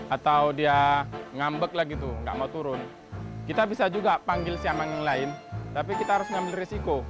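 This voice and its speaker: A man working as a wildlife park guide, casually explaining outdoors in a forest park and calling apes down from the trees. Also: on the high side. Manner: explains casually, then shouts loud calls to the apes.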